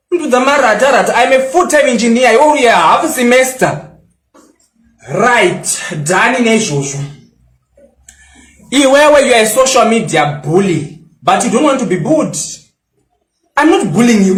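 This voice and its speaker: In an echoey room, a man in his twenties from Zimbabwe rants angrily at a critic, bragging and mocking while mixing English into his local language. His voice is extremely high-pitched and a bit bright. He is a social media personality.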